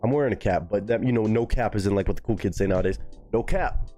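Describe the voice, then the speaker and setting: A man's voice: lowish voice, fast, warm tone, soft background music. A man hosting a live stream in loose, casual chat, swearing freely and answering his chat.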